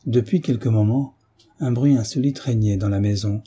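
A man narrating a classic novel as an audiobook, reading in a steady, dramatic storytelling manner. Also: on the low side, moderate pace, husky.

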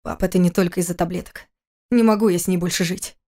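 Young husband, curt, forceful, bitter, read by a woman. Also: on the low side, fairly even intonation, fast talker, natural voice.

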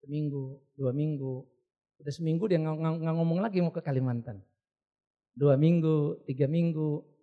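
A middle-aged male pastor preaching a sermon, telling stories in an animated way and acting out the people in them. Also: normal speed, long pauses, phone-quality sound. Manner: animated storytelling, acts out callers in a high voice.

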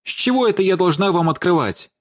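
A man voicing a quick-tongued, bustling young woman who chatters rapidly. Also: high voice, lively intonation, voice pushed up. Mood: defiant.

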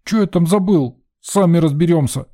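Audiobook: man doing a high-pitched tearful boy, defiant and sniffling. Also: normal speed, lightly acted. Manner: sniffling, shouting at a whisper.

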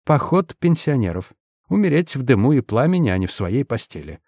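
A man's voice: medium pitch, very animated, fairly quick, a little mellow, dry recording, studio quality. A man voicing a proud, composed woman president who speaks curtly and with biting irony. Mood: cold, biting. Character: proud, sharp-tongued female president, middle-aged.

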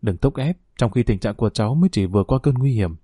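A man voicing a calm middle-aged emergency doctor who gives measured cautions to a worried family. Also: mid-range voice, slightly rough, no echo, studio quality.

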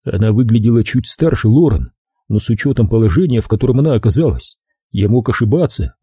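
A man reads a novel aloud in the first person, telling the story at a measured, steady pace. His voice is very dark and husky, yet his pitch moves a lot, and the sound is close and dry with no room around it. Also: dry recording. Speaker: audiobook narrator.

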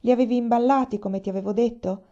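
A weary, sad man, read by a woman narrator in a storybook, scolding in a tired way. The voice is mellow and warm, and the recording is dull and lo-fi. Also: a little high, steady tone, fast talker, voice pushed up, lightly acted. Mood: reproachful. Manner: tired, reproachful. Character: weary, sad older brother, reproachful.

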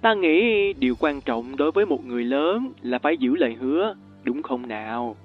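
A man voicing a calm, sugary yet threatening ghostly old woman teacher in an audiobook story. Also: medium pitch, moderate pace. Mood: sweetly menacing. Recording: tinny lo-fi with faint music.

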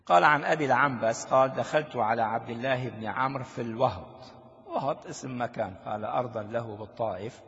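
An older man teaching a classical text as a sheikh, explaining slowly and quizzing his listeners with rhetorical questions. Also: medium pitch, creaky, a bit bright. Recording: lo-fi recording with long reverb in a hall.

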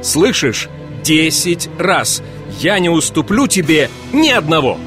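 A man reading an audiobook and voicing an excitable, imperious grand duke who barks orders and laughs. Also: on the high side, takes it slowly, over music. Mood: excited. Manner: commanding, shouting eagerly, laughing.

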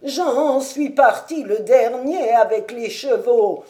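A woman voicing a frantic, loyal old male servant who cries out in drawn-out, breathless wails. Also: on the high side, warm tone. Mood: pleading.

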